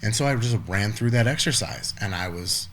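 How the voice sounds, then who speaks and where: A man's voice: on the low side, normal speed, fairly bright tone, a little hiss or hum. A man in his forties, a podcast guest, talking casually in a rambling way with lots of restarts and the odd swear word. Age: 40s. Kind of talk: casual conversation.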